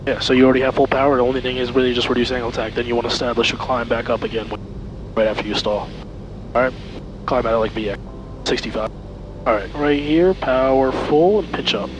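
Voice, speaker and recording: A man working as a flight instructor, giving calm, reassuring step-by-step instructions over a cockpit headset intercom, often repeating short commands. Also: medium pitch, rapid-fire, noisy background. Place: small plane cockpit in flight. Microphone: aviation headset intercom.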